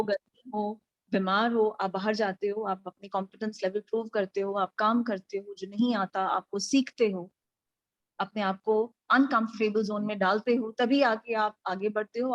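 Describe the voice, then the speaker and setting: A woman with an Indian accent coaching pageant finalists over a video call, projecting her voice energetically and mixing English and Hindi as she directs them. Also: poor audio. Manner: energetic, projected voice pitched above her normal talk; mixes English and Hindi, coaxing and directing the class. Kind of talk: live online coaching session.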